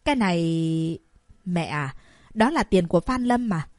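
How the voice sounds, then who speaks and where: A woman's voice: fairly low pitch, animated, a little slow, a little mellow, no room sound, studio quality. A woman voicing an anxious, dutiful young wife in an audiobook, pleading with and placating her mother. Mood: reluctant. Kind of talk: audiobook character voice.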